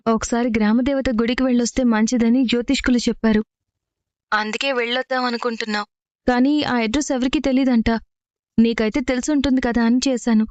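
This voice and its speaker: A woman's voice: on the high side, steady tone, brisk, clear, resonant tone, no echo, close to an everyday voice. An actress playing an earnest, persistent young married woman who is asking for help. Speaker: actor in a TV serial. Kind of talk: TV serial acting.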